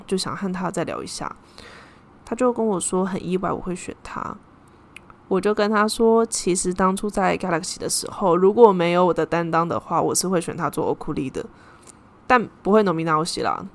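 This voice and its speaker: A young woman hosts her podcast alone, her plain as she tells a story. Her voice sits slightly low for a woman, and she talks in a loose, chatty way, slipping Japanese words in as she goes. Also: vocal fry. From Taiwan. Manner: chatty, sprinkles in Japanese terms. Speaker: podcast host. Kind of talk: casual solo storytelling.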